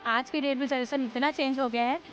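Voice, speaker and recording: A woman's voice: high-pitched, fairly even intonation, fast, muffled recording. A woman from a city in central India, speaking reflectively with fillers as a resident in a vox-pop testimonial. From Durg, Chhattisgarh, India. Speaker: resident interviewee. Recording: loud music bed under the voice.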